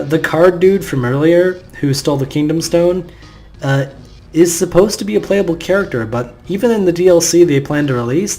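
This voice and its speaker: A man with a rather high voice and dark tone narrates a video game playthrough. His let's play commentary is casual, rambling, and offhand.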